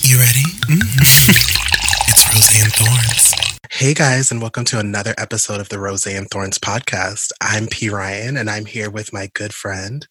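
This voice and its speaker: A man's voice: lowish voice, pushed and bright, breathy edge. A young man hosting a podcast in casual chat, teasing his guest and laughing often. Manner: playful teasing, quick laughs. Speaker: podcast host.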